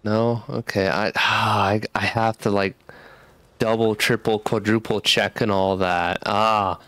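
A man's voice: on the low side, level tone, slow, a bit bright, dry recording. A man commentating on his game playthrough, nervous and anxious, repeating himself as he goes. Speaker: gamer, channel host. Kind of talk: let's play commentary. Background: game music.

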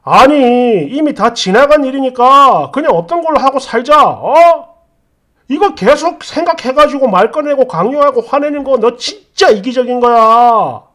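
A woman's voice: high voice, animated, unhurried, a bit bright. A woman voicing a defensive, irritated husband who snaps back with a raised voice in an acted story dialogue. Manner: snapping, raised voice.

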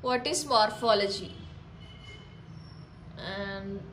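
A woman's voice: medium pitch, extremely slow, fairly bright tone, a little hiss or hum, low-quality recording. A young woman, explaining exam notes in a casual lesson with examples and frequent restarts. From India. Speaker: tutor.

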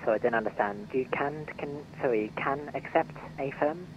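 A man's voice: mid-range voice, moderate pace. Male air traffic controller over the radio. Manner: clipped and businesslike. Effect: heard over an aviation radio. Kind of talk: radio phraseology. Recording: dull lo-fi radio audio.

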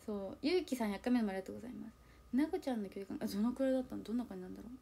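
A woman's voice: medium pitch, racing, gravelly, slightly rough. A young woman in an idol group chatting casually on a livestream, reading viewer comments and confiding in a self-deprecating way, acting out little quoted exchanges. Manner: animated, acts out little quoted exchanges in changed voices. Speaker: idol group member streaming live.

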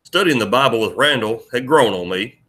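Man reading a first-person audiobook, bright forceful tone, mid pitch, steady storytelling. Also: a little fast. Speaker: audiobook narrator.

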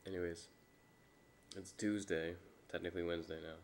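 A young man who is sick with a stuffy nose, giving a low-key, hesitant, rambling vlog update into a webcam. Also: level tone, moderate pace, darkish tone, slight background noise. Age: young adult. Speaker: vlogger and amateur filmmaker. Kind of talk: casual, unscripted update vlog. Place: small room indoors. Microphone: webcam or laptop mic at arm's length.

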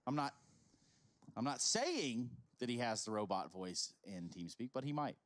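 A man bantering playfully on an esports broadcast during a pause, joking and easygoing. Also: mid-range voice, animated, no room sound. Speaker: esports commentator.

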